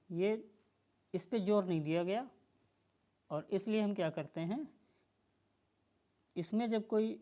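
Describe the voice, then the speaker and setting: A woman, teaching spelling rules to exam students in a slow, explaining manner. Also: lowish voice, mellow. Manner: slow explanatory teaching, addresses viewers as friends. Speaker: English teacher.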